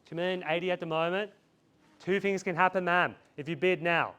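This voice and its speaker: A man's voice: high-pitched, brisk, bright, forceful tone, smooth. A man calling a live property auction outdoors, repeating bid figures in a chant and urging buyers on. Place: outdoors in a residential street.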